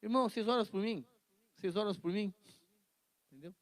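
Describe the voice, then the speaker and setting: A man teaching an informal Bible class, animated and joking, acting out quotes. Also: sits high, moderate pace, no echo. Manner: animated, acts out quotes, jokes and laughs.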